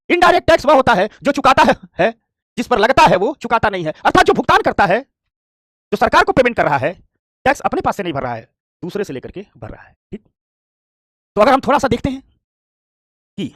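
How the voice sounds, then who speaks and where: A man teaching an economics class, talking quickly and often asking if students understood. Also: sits high, no room sound, studio quality. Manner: fast, lively, repeats "ठीक" and checks understanding; acts out complaining shopkeepers. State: tired from standing. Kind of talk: classroom lecture.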